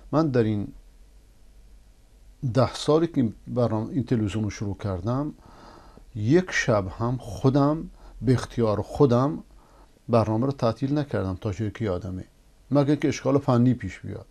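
A man's voice: mid-range voice, gravelly. A man hosting a religious TV program, reading viewers' messages and preaching emphatically. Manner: emphatic, rising to forceful denunciation. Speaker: preacher and TV host. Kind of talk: religious TV talk answering viewers.

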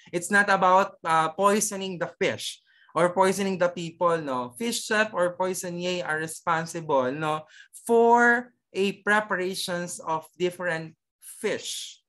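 A cookery teacher with a Filipino accent leads an online lesson at a mid-range pitch. The delivery is chatty and conversational, checking in every few phrases, with repeated pronunciation drills for the class. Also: moderate pace, fairly bright tone. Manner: chatty, checks in with frequent "okay" and "no?".

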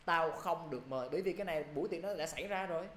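A man with a Southern Vietnamese accent teaching an English grammar lesson. He talks briskly and keeps checking in with his students. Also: fairly high pitch, a bit bright, roomy sound, a little hiss or hum.

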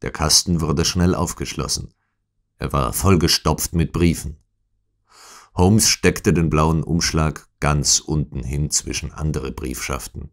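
A man narrating a classic detective story in a measured, deliberate storytelling manner. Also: very deep voice, steady tone. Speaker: audiobook narrator. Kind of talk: scripted narration.

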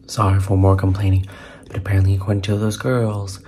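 A man's voice: sits low, monotone, fairly quick, a little mellow. A tired man chatting casually in a vlog wrap-up, rambling and restarting his sentences. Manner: chatty, complaining, stumbles and restarts. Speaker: vlogger.

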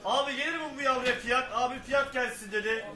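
A man's voice: extremely high pitch, brisk, bright, forceful tone. A man working as an auctioneer, calling out and repeating bids in insistent patter. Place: echoey auction room with crowd and birds. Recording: echoey hall, distant mic, crowd and birds.

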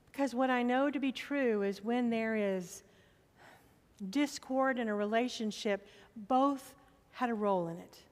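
Preaching a sermon from a church pulpit, a middle-aged woman pastor speaks in a voice on the high side, making slow, emphatic appeals to the congregation, with a long reverb tail.

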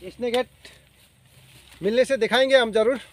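A young man narrates his fishing trip in a chatty, high voice, talking straight to his viewers. He is outdoors beside a rural pond and speaks into a handheld camera. His delivery is relaxed vlog chat. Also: moderate pace, no room sound. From Assam, India. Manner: chatty, addresses viewers directly. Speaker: fishing vlogger.

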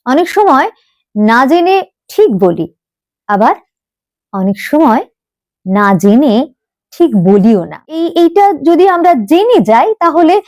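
A woman's voice: sits high, big pitch swings, slow, pauses often, a little mellow, no room sound, studio quality. A woman teaching pronunciation in a spoken lesson, asking questions and stressing words as she explains.

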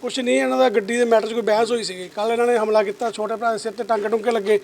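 A man's voice: high-pitched, steady tone, racing, creaky. A man defending himself insistently to reporters in a street among neighbours. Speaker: resident speaking to reporters. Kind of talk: street interview. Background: crowd of neighbours.

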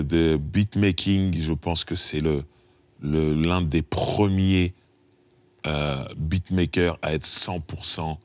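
Middle-aged male rapper from France, very deep voice, dry close mic, animated storyteller. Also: no room sound. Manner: lively storyteller, acts out dialogue, chuckles often. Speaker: rapper, interview guest. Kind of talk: casual interview anecdotes.

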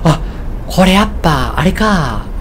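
A woman's voice: low-pitched, very animated, unhurried, slight background noise. A woman doing let's-play commentary on a game, chatty, laughing often and thinking aloud as she picks choices. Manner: chatty, laughing, talking to herself while choosing. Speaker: game streamer.

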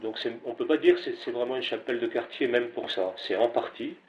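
A man's voice: medium pitch, fairly quick, darkish tone, muffled recording. A man giving spontaneous comments as an interviewee, hesitant, with many fillers and restarts. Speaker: interviewee speaking about a chapel. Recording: noisy background ambience.

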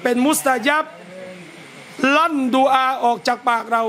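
A man, a religious teacher, gives a lively lecture at a home gathering, talking straight to his listeners. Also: very high voice, unhurried. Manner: lively, talks straight to listeners and acts out scolding parents.

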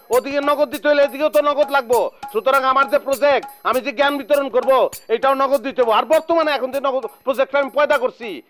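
A pompous know-it-all teacher. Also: male voice, very high voice, fairly bright tone. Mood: lecturing. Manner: pompous, lecturing, keeps asking "understood?". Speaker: self-styled teacher lecturing at a tea stall. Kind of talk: TV comedy drama acting.

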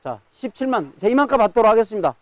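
A man's voice: sits high, big pitch swings, racing, dry recording. A man working as a live auctioneer, calling out bids, counts and sales in auction patter.

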